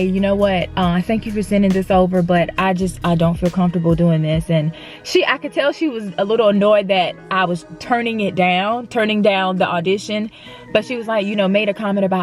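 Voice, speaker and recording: Woman sharing a casual faith story. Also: mid-range voice. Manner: conversational, many restarts and fillers. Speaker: actress and faith vlogger. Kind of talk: casual personal testimony.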